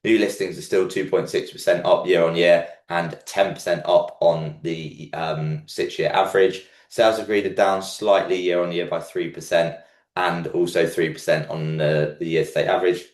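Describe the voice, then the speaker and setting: Very deep, croaky man. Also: steady tone, moderate pace. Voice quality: croaky, froggy throat. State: under the weather, hoarse. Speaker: host of a property market update show. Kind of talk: scripted-outline market commentary presentation. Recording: echoey room.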